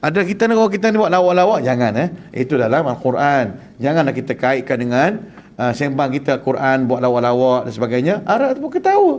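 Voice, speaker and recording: Male Quran teacher, animated and joking, pitch swinging widely. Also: fast talker. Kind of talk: humorous religious class.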